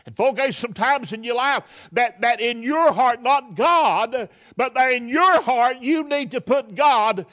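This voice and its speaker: Man preacher, very high voice, fervent folksy sermon delivery. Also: animated, measured pace, hardly any pauses, a bit bright. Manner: fervent, folksy, rhetorical questions, repeats words.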